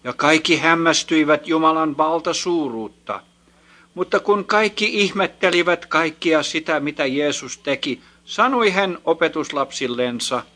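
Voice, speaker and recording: A man with a fairly high, bright voice reads scripture aloud. His narration is steady and measured and slows at the ends of verses. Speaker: scripture reader.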